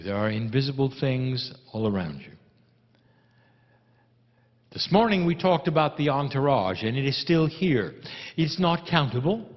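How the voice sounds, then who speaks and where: A man giving a channeled spiritual address in solemn, deliberate phrases with pauses. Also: on the high side. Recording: dull recording in reverberant hall.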